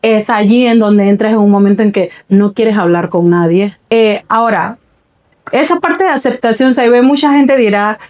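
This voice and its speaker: A woman's voice: mid-range voice, moderate pace, a little mellow. A woman pastor giving an earnest, reflective personal testimony in a faith podcast conversation, often repeating her words.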